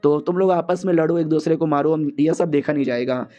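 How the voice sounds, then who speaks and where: A man's voice: fairly high pitch, brisk, mellow, soft background music, natural voice. A man voicing a confident, bossy young male martial arts hero in a casual, commanding tone. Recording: muffled lo-fi audio.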